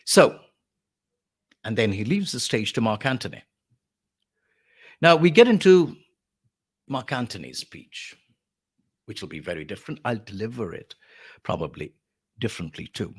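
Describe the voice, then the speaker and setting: A male voice artist giving a spoken lesson on vocal delivery, explaining in a lively way with quick asides. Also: fairly low pitch, breathy edge.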